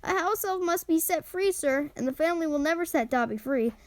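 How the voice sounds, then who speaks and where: A woman voicing a small, tearful, devoted male house elf with a high, squeaky voice and an earnest, servile manner. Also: expressive, fairly quick, no echo. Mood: anguished. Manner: earnest, servile, always says sir. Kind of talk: audiobook character reading.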